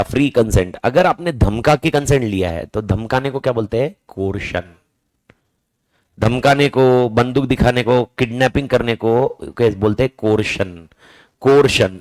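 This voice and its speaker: A man in his own voice teaching a class with an animated delivery, his pitch swinging widely from phrase to phrase. The sound is dry and close, with no room echo. He often throws questions at the class and answers them himself, drumming in key words. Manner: casual, calls students "boss" and "brother". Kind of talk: lively classroom lecture.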